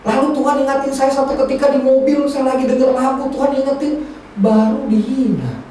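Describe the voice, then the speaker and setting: A male pastor preaching a sermon, telling stories in a lively, colloquial way. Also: extremely high pitch, quick pace, slight background noise. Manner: animated storytelling, colloquial Jakarta slang. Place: church hall. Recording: distant echoey church hall recording.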